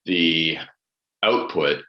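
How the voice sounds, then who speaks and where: A guest coach and author gives conversational advice, walking through it step by step with acted-out examples. His voice rumbles low with drawn-out words, and the audio is dull, recorded in a roomy, echoing space.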